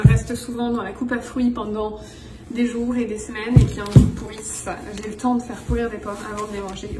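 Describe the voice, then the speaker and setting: Woman from France, casual vlogger, fairly high voice, phone mic in a roomy echo with music under it. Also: distant mic. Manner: chatty, showing groceries to camera. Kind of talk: casual vlog chat. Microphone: phone camera.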